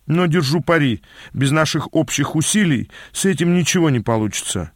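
A man's voice: on the high side, lively intonation, normal speed, dry recording, studio quality. A man voicing a bold, stubborn young woman fighter who talks bluntly and teases. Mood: defiant. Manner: blunt and teasing.

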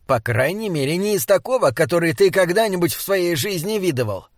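A man's voice: high voice, lively intonation, brisk, no room sound, pitched above the performer's own voice. A man puts on a little male troll with a raised, clipped voice and stiffly formal phrasing. He sounds prim and sure of himself, like a scholar lecturing his companions. The recording is dry and close. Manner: stilted, oddly formal phrasing. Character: small wise male troll guide, formal.

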